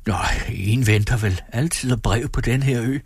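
A man's voice: mid-range voice, darkish tone, breathy edge, dry recording, clean studio sound, pitched above the performer's own voice. A man voicing a sly, fiery young island woman who talks in a confiding half-whisper.

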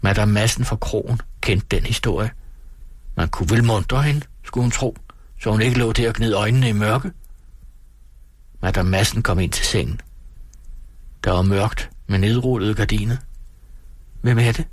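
A man reading a novel aloud as an audiobook narrator, calm and steady. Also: on the low side, long pauses, husky, no echo. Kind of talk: scripted narration.

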